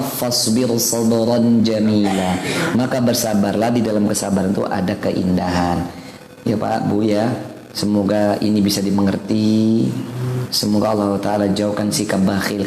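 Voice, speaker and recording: A man's voice: fairly low pitch, moderate pace, darkish tone. A man giving an informal sermon to a study circle, chatty and often quizzing his listeners. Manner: chatty, keeps quizzing the audience. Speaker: ustadz teaching a weekly study circle. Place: home study gathering. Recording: echoey room, long reverb, faint noise.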